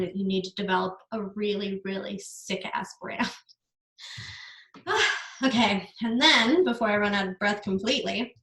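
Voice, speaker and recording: A young woman talks through a casual business masterclass with earnest energy and loose, everyday wording. Her voice sits at a middle pitch. The room around her is echoey. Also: a bit bright. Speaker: business coach giving a masterclass.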